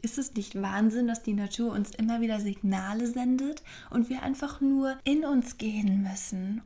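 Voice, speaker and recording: Female self-help podcast host: warm dark tone, even pitch, earnest and encouraging. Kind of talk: reflective spiritual self-help talk.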